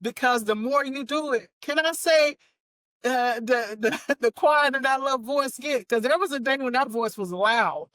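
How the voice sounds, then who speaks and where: A woman's voice: a little high, normal speed, few pauses, fairly bright tone, no echo. A woman in her fifties hosting a talk show, speaking with earnest emphasis and often checking in with "right?" and "okay?". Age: 50s. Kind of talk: casual chat.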